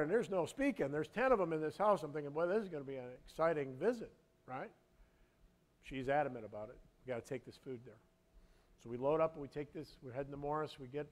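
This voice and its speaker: Male pastor with a fairly high voice, live sermon, halting storyteller who swells into emphatic preaching. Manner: earnest, halting storyteller with many restarts; builds to loud, emphatic preaching. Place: church sanctuary.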